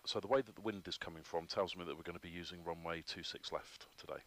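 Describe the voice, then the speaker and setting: A man's voice: sits low, fast talker. A man, instructing a trainee in a flight simulator cockpit, patiently explaining each step with frequent ums. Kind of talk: hands-on instruction.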